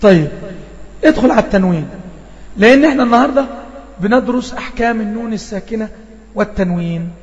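A man's voice: high voice, lively intonation, fast, pauses often. A man with an Egyptian accent teaching Quran recitation rules, patiently repeating points and quizzing his students. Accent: Egyptian Arabic. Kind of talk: online tajweed lesson. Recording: dull lo-fi audio with reverb.

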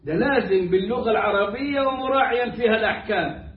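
A man's voice: sits high, quick pace, slight background noise. A man with an Egyptian Arabic accent giving a colloquial religious lesson, joking and mimicking mispronunciations. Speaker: religious teacher. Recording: echoey room, distant muffled mic.

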